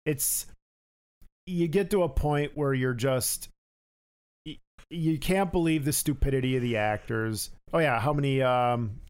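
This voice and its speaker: A man with a clear, smooth voice of average pitch chats casually as co-host of a film review discussion. The delivery is conversational and informal. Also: measured pace.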